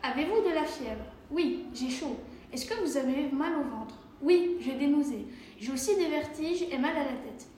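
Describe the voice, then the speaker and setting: A woman's voice: high voice, expressive, normal speed, mellow, a little hiss or hum. A woman reading a scripted dialogue aloud, taking both the patient's and the doctor's parts. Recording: very echoey room with faint ambience.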